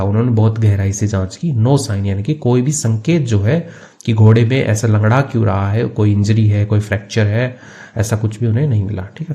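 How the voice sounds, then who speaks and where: Low, mellow-voiced teacher. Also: male voice. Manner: reads English phrases slowly, then explains quickly in Hindi; casual, with fillers like "theek hai". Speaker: English teacher. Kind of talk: explaining an English story line by line in Hindi.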